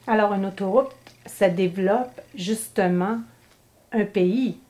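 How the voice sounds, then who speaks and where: A woman's voice: mid-range voice, slow, darkish tone. A woman interviewer asking plain follow-up questions. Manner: plain, prompting follow-ups.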